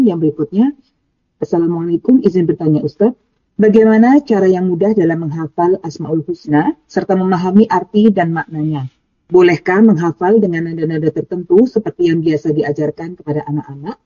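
A man politely reads listeners' questions aloud, framing them with formal courtesies. His voice is mellow and a touch high. The recording is dry and muffled. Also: fairly quick, no echo. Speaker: moderator reading out questions.

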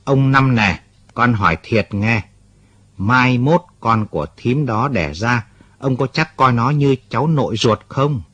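A man's voice: mid-range voice, animated, a little slow, fairly bright tone, husky, no echo. A man voicing a hesitant young man asking a polite question.

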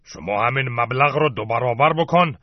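An actor playing a greedy, brusque male cleric who poses as a counselor, talking in a slow, drawling, dismissive way in a radio satire sketch. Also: mid-range voice, no echo, faint music behind, lightly acted. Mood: smug. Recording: dull, dry radio studio sound.

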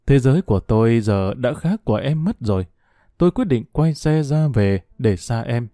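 A man narrating a first-person audio story in a measured, reflective, melancholy way. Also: mid-range voice, warm tone, no echo, studio quality.

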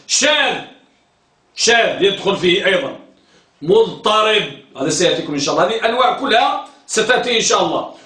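Male lecturer, high voice, heard from a distance in a roomy classroom, quizzes and repeats terms. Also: bright, forceful tone. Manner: questioning, repeats key terms, tells students to focus. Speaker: teacher of hadith terminology. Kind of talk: classroom lecture with questions to students.

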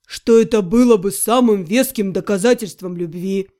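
A woman's voice: mid-range voice, moderate pace, warm tone, pitched below the performer's own voice, lightly acted. A woman voicing a wry male half-gnome friend with a drawling, mock-dramatic manner. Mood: wry, teasing.

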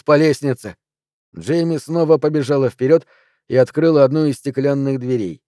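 A man with a medium-pitched voice narrates an audiobook, reading the script steadily and in a measured way. The sound is clean studio quality, without echo.

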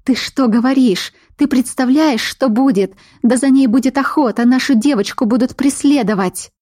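A woman's voice: sits high, normal speed, dark tone, no echo, voice pushed up. A woman playing a frantic, pleading mother. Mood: alarmed. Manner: pleading, close to tears. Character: frantic mother, tall red-haired woman.

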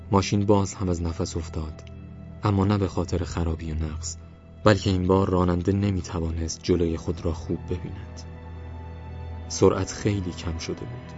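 A man narrating an audiobook novel in a measured, literary reading that softens on descriptive passages. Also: deep voice, level tone. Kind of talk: scripted narration. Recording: slightly muffled, soft music behind.

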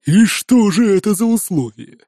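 Burly mocking warrior with a deep bass, gruff and slow, read by a male narrator. Dry, close sound. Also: expressive, mellow, no room sound.

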